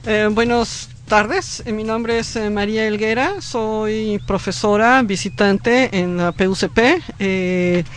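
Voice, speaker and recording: A woman, a visiting professor, introducing her project as a radio guest, pausing with fillers. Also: mid-range voice. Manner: hesitant, many fillers. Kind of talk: radio interview.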